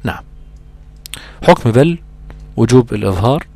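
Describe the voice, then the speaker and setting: A man with an Egyptian accent teaching Quran recitation rules in a lively, conversational way, acting out imagined student questions. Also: mid-range voice, gravelly, husky, no echo, faint music behind. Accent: Egyptian Arabic. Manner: animated, acts out imagined student exchanges, drawn-out recitation examples. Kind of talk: Egyptian colloquial tajweed lesson.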